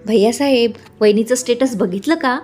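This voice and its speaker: A woman's voice: a little high, normal speed, a little mellow, soft background music, lightly acted. A woman reading the lines of a teasing, pouting young male assistant in a storybook.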